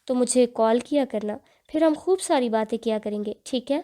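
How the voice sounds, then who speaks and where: A woman's voice: a little high, warm tone, lightly acted. A woman voicing a tearful young bride. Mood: tender. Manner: tearful, pleading.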